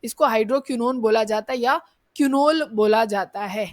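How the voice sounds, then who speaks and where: Woman chem teacher, high voice, keeps quizzing the kids then answering herself. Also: normal speed. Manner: explains step by step, keeps asking students questions and answering them herself; addresses students as kids, checks in with "theek hai". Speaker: chemistry teacher. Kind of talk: exam-prep chemistry lecture.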